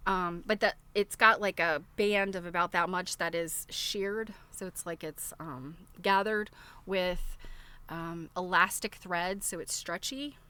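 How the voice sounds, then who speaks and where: A woman hosts a casual unboxing livestream, showing items in a chatty show-and-tell, rambling, thinking aloud and asking her viewers questions. Her voice is fairly low, steady and measured, bright and forceful, with a clean tone.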